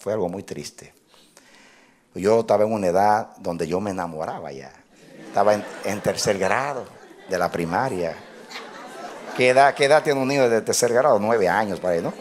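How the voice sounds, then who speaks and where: A male pastor telling a personal story in a sermon, animated, often laughing and building up to loud exclamations. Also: lowish voice.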